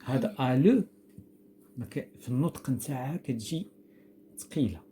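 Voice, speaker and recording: A man's voice: medium pitch, expressive, fast talker, dark tone, a little hiss or hum. A man with a Moroccan accent teaching a grammar lesson, patient and step by step, quizzing a pupil and spelling words out letter by letter. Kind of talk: recorded classroom grammar lesson.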